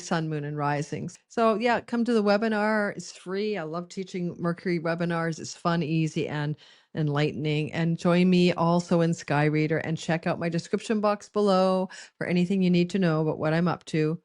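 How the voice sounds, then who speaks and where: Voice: medium pitch, moderate pace, dry recording. Rambling astrologer, dry close sound. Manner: rambling, conversational, frequent restarts and "you know" asides. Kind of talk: astrology forecast monologue.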